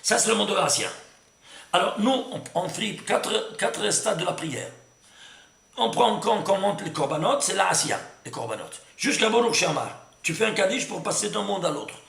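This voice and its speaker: A man teaching a Torah lesson in an echoey room, his voice high and bright with a gravelly edge. He talks in an emphatic rush, stumbling over restarts and stopping to ask whether the class is following. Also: moderate pace. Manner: lively and emphatic, full of restarts, asks "C'est clair?" often.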